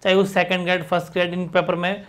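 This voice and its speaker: High-pitched emphatic tutor, man. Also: monotone, fairly bright tone. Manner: emphatic, repeats key words, drawn-out example phrases. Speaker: teacher. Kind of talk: exam-prep lesson at a board.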